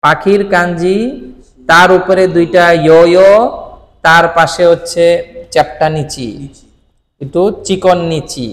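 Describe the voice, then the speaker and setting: A Bengali-speaking man gives a relaxed Japanese lesson, quizzing the viewer and answering his own questions. His voice sits a bit high for a man. A long reverb trails his words. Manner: asks questions then answers them himself; frequent "thik ache?" check-ins to the viewer. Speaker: Japanese language teacher. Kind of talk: casual explanatory lesson.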